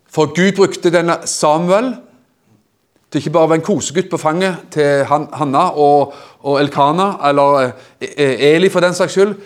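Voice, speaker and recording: Animated male preacher retelling scripture. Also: on the high side. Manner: animated, retells scripture in his own words with acted voices. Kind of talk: storytelling sermon.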